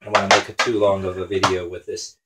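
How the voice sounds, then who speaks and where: A man's voice: deep voice, level tone, fast talker. A man hosting a home cooking show, talking casually and crudely while he cuts meat in a small kitchen, picked up by a camera on the counter. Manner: crude, joking, talks while chopping. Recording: clattering kitchen noise behind.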